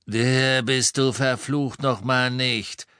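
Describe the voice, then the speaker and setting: A man's voice: mid-range voice, steady tone, slow, sharp tone, clean tone, no echo, clean studio sound. A man voicing a brusque adult male snatcher who leads a gang and questions captives in a curt, sneering way, raised above his narrating voice. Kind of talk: audiobook character voice.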